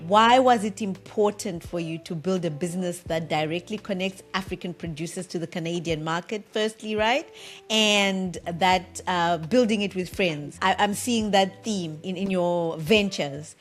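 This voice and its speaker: A woman hosting a podcast interview, asking measured, thoughtful questions. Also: on the low side. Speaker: podcast host.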